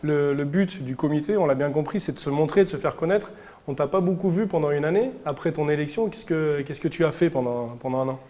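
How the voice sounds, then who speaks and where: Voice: mid-range voice, a little fast, mellow. A talk show host interviewing guests in a playful, teasing manner.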